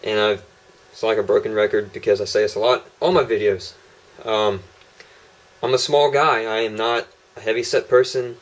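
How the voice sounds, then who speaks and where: A young holster maker shows off his prototypes in a casual product demo vlog, rambling with plenty of ums and uhs. His voice is on the low side, at a moderate pace with fairly even intonation, captured poorly by a camera mic on a tripod.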